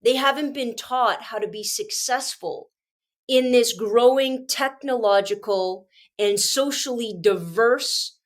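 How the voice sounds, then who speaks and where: Here the Canadian teacher-podcaster sounds fairly high-pitched and unhurried as she offers relaxed solo remarks on her show. A cold has her nasal and congested, she keeps restarting with fervent emphasis, and agitation pushes her into a screech.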